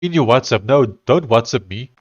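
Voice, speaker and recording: This streamer's congested, medium-pitched voice is animated and a little mellow at normal speed, with an Afrikaans South African accent and the highs cut off. He chats casually while working on code during his livestream.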